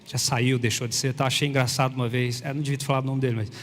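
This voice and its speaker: A man's voice: mid-range voice, little pitch movement, very fast. A man preaching a sermon as pastor, animatedly acting out imagined dialogue with God. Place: church. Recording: long reverb of a church hall.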